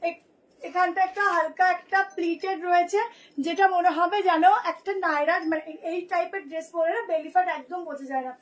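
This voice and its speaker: A hoarse woman, a boutique seller who talks nonstop, showing clothes to viewers in a live sales video. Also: very high-pitched, steady tone, fairly quick. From Kolkata, India. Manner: chatty, nonstop talker.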